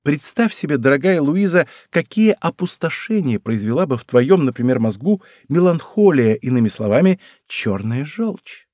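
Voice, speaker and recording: A man's voice: sing-song, moderate pace, darkish tone, dry recording, studio quality. A man reading an audiobook, voicing a young court lady who speaks with mocking irony. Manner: ironic, chatty, raised pitch. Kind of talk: audiobook character voice.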